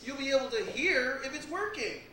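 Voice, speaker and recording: A woman's voice: sits high, expressive, fairly quick, a bit bright, a little hiss or hum. An actress playing a weary older woman who makes dry, sarcastic quips. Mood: patient. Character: older woman, sardonic and exasperated. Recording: echoey stage from far off.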